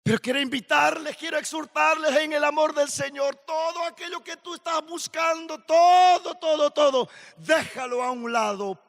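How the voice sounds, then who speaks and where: A man preaching a sermon at a youth camp, slow and emphatic, building to shouted questions. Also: extremely high pitch, vocal fry. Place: large hall at a youth camp. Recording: long hall reverb.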